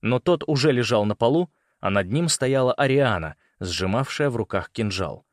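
A man narrates an audiobook with measured, dramatic storytelling. His voice sits at an ordinary middle pitch. The sound is close and dry. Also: lively intonation, no echo. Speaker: audiobook reader.

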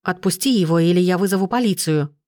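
A woman's voice: on the low side, fast, darkish tone, no room sound, studio quality, close to an everyday voice. A woman voicing a young pregnant woman in a storybook, trembling and pleading. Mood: frightened.

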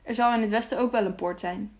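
A woman reading the lines of a calm, cautious young male traveler in an audiobook. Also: a little high, close to an everyday voice. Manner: calm, measured.

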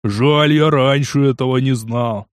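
Guy doing a jeering fat thug, loud and crude, dry close audiobook sound. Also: mid-range voice, measured pace, dry recording, natural voice. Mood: leering. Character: fat brutish male gang thug, crude and vicious. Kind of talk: audiobook character voice.

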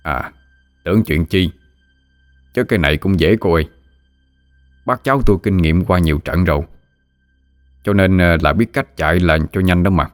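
A man's voice: deep voice, moderate pace, long pauses, dry recording, studio quality, soft background music, natural voice. A man voicing an easygoing older honey hunter, who speaks politely and in a folksy way.

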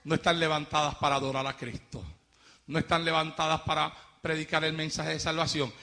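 A male pastor giving an impassioned sermon, shouting fiery lines and then dropping to low, quiet asides. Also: level tone, fairly quick.

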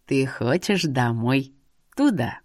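A woman voicing a sly, teasing old male seer with a long beard who drawls slowly. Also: extremely low pitch, lively intonation, darkish tone, no echo, clean studio sound, voice pushed down, full character voice. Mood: knowing.

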